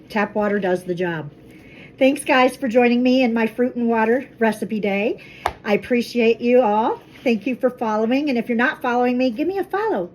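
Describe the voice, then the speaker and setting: A woman's voice: on the high side, a little mellow. Chatty woman vlogging in her kitchen, noisy recording. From Colorado. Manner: chatty, friendly, talks while cooking. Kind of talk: casual kitchen vlog. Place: home kitchen.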